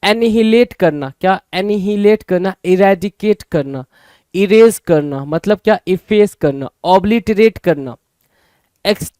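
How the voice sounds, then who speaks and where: A man's voice: high voice, lively intonation, measured pace, warm tone, clear, resonant tone, no echo. A man teaching an exam-prep vocabulary lesson. He keeps repeating words and asking the viewer rhetorical questions.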